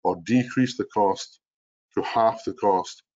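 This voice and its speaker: Deep-voiced older man, strong Scottish accent. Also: takes it slowly, a little mellow. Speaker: organization president and chief executive, presenter. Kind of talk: explanatory business webinar presentation. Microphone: video call computer mic. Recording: dull, lo-fi video call audio.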